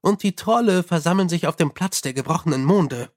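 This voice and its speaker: A dutiful young police captain, read by a male narrator reports politely and efficiently. His voice sits a little high and stays earnest throughout. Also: animated, a little fast, lightly acted.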